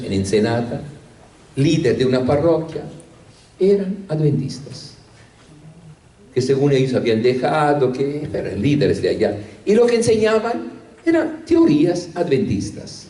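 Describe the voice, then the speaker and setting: Older priest telling stories in an echoey hall. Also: male voice, medium pitch, warm tone. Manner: storytelling with rhetorical questions and hesitations. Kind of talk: anecdotal talk to a congregation. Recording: echoey room from a distance.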